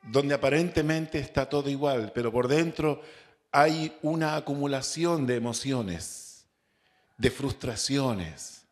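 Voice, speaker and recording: A man with a Chilean accent, a pastor preaching a Bible study sermon, repeating key words and asking the congregation rhetorical questions. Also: mid-range voice. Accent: Chilean Spanish. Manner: slow, drawn-out preaching with rhetorical questions and repetition.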